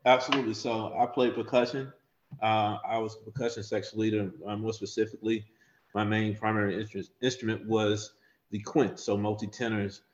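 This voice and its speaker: A man's voice: lowish voice, level tone, brisk. A man in his thirties from eastern North Carolina, a guest talking in a confident, easygoing, joking way. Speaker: interview guest. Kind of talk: casual interview chat. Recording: roomy, dull lo-fi audio.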